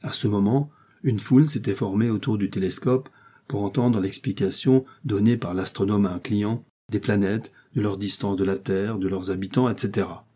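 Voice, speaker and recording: A man reading a comic classic short story aloud in a measured, lively storytelling manner. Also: fairly low pitch, breathy edge. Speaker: audiobook reader.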